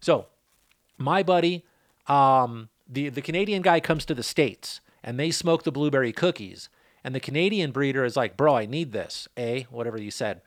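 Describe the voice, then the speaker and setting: A man's voice: medium pitch, animated, moderate pace, no room sound, clean studio sound. Rambling, easygoing male podcast host. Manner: rambling, loose, joking asides. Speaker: podcast host, cannabis grower. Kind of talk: casual rambling chat.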